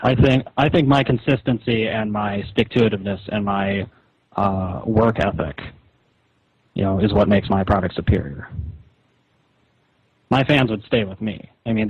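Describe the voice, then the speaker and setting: A rival webcomic creator, a man with a lowish voice, argues over the phone in a blunt, condescending, persuasive way. The telephone recording sounds muffled and echoey, with a little hiss or hum.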